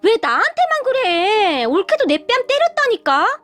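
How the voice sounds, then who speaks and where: Brief: bratty shrieking sister-in-law, very high and lively, read by a woman narrator. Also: a little slow, exaggerated voice. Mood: whiny. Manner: shrieking, whiny. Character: bratty adult sister-in-law, shrill and spiteful.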